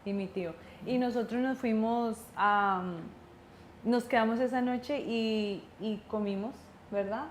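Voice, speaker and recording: A woman's voice: a little high, fairly even intonation, unhurried. A young woman hosting a family chat, prompting and filling in her mother's story. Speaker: host, vlogger. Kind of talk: casual family conversation. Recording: echoey room with faint hum.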